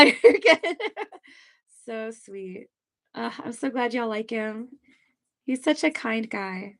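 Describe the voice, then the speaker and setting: A young woman artist chats to her livestream while she draws. She sounds giddy and chatty, and her voice sits a little high. She drifts loosely between thoughts. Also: vocal fry. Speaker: webcomic artist streaming. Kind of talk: casual livestream chat while drawing.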